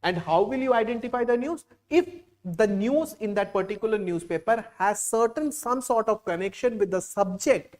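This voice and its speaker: A man's voice: high-pitched, lively intonation, moderate pace, few pauses. A man from Kerala with a Keralite Indian English accent giving a classroom lecture as an exam coaching teacher, repeating phrases with many "uh" and "like" fillers.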